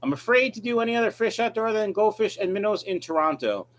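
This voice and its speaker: Man with lively, swinging pitch, blunt and offhand. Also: quick pace. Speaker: livestream host, aquarium fish breeder. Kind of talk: casual livestream chat, reading and answering viewer questions.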